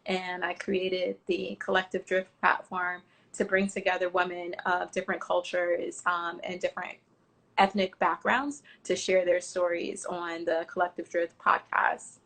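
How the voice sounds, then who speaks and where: A woman's voice: lowish voice, measured pace, vocal fry. A woman in her thirties from Miami, Florida, a travel platform founder telling her story in a casual interview, chatty and full of fillers. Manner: chatty, animated retelling with acted-out quotes and many fillers.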